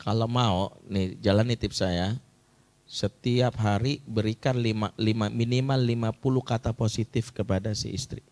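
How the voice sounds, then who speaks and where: A man preaching as a family counselor, an animated storyteller who acts out the people in his story in a much higher voice. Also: normal speed. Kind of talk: storytelling talk to an audience.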